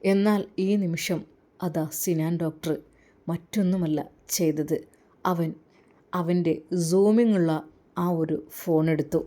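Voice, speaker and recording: Expressive Malappuram Malayalam woman storyteller. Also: on the low side, takes it slowly, long pauses. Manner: expressive, dramatic narration. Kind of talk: dramatic story narration.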